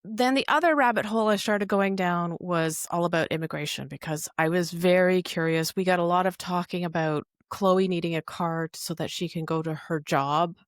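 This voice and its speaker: A woman's voice: lowish voice, moderate pace, hardly any pauses, no room sound, clean studio sound. A woman co-hosting a podcast, chatting casually and explaining what she looked up in detail. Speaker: podcast co-host. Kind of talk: casual recap chat.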